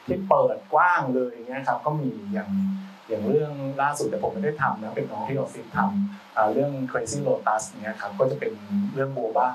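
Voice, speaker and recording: A man's voice: mid-range voice, a little fast. A man who works as a film sound designer, talking casually as a guest in loose, chatty speech full of restarts and slang. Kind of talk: casual talk-show conversation. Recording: voice a bit far from the mic, faint background noise.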